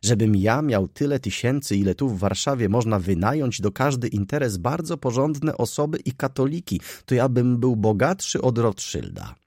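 A man reading an audiobook and voicing a shrewd, chatty old moneylender who haggles and flatters. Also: mid-range voice, normal speed, few pauses, no echo, studio quality, voice pushed up. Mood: wheedling. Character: shrewd old grey-haired male moneylender.

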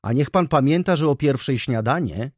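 Figure: eager young lady played by a man. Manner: excited, raised. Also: fairly low pitch, brisk, dry recording, studio quality. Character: impulsive, lively young lady. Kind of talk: audiobook character voice.

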